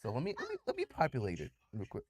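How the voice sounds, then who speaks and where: A man's voice: mid-range voice, wildly swooping pitch, racing, breathy edge. A man running a tabletop game as game master, laughing often and stalling with repeated restarts.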